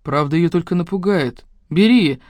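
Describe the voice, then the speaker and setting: A woman voicing a calm young man who gently reassures his girlfriend. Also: fairly low pitch, moderate pace, no room sound, natural voice. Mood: reassuring.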